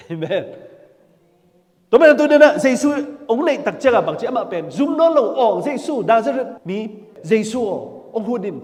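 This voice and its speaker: A man preaching a sermon in an animated way, often laughing and saying amen. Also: high voice. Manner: animated, with frequent laughter and amens. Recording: long hall reverb.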